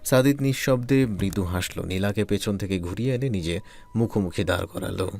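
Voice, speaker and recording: Brief: male narrator, lowish voice, calm romantic storytelling. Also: normal speed, gravelly.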